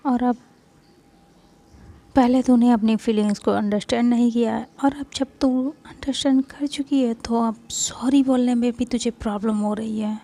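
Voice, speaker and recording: A woman's voice: fairly high pitch, steady tone, normal speed, dark tone, natural voice. Woman voicing a scolding young best friend. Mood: coaxing. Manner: scolding, pushing her friend.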